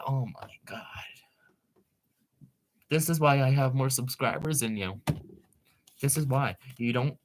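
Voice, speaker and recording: A young man from Maryland streaming live from a room at home, talking fast and rambling excitably in casual chat into a computer microphone. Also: mid-range voice, noisy background.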